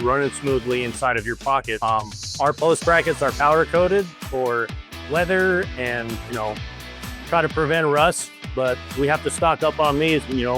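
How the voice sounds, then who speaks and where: A man's voice: mid-range voice, a bit bright. Plain-spoken man leading a workshop tour, music behind. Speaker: shop foreman giving a tour. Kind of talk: informal guided workshop tour presentation. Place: woodworking shop warehouse.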